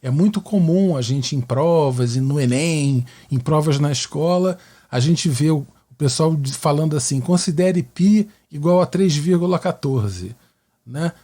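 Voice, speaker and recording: This podcast host and mathematics teacher from Rio de Janeiro has a husky, somewhat high voice and a Carioca accent. He teaches in a mellow, unhurried way, talking conversationally and frequently tossing in tag questions to check the listener is with him.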